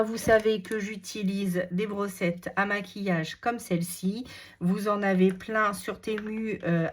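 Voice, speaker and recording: A woman with a French regional accent demonstrating a craft technique step by step, chatty and unhurried, thinking aloud with many fillers. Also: mid-range voice. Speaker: crafting tutorial host. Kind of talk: casual step-by-step crafting demo.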